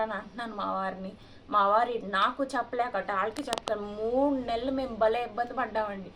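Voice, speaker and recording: Earnest woman with a slightly high voice. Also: a bit bright, slight background noise. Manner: earnest, aggrieved, addresses viewers politely. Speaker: vlogger. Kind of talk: personal story told to viewers.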